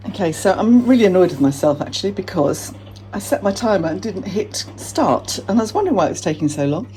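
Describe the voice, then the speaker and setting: A woman's voice: mid-range voice, big pitch swings, fast, mellow. A woman chatting casually as she bakes and tastes muffins in her home kitchen, talking to viewers in a self-mocking way. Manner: chatty, self-mocking, talks while baking and tasting. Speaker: vlogger.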